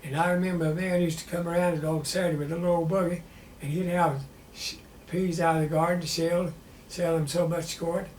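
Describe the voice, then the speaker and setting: Elderly Southern veteran remembering, high-pitched voice. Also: male voice, little pitch movement, a little mellow. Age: 90s. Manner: old veteran remembering, plainspoken and halting. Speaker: war veteran being interviewed. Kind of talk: personal reminiscence in an interview. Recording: roomy echo with faint background noise.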